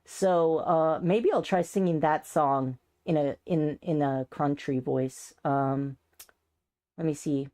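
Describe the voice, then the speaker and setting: A woman streamer talks in an unhurried, drawn-out way, with a smooth, clean-toned voice that sits a little low. She rambles playfully and seems amused at herself, and her throat sounds dry and strained. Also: mellow. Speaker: streamer doing voice training. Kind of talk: casual live-stream chat.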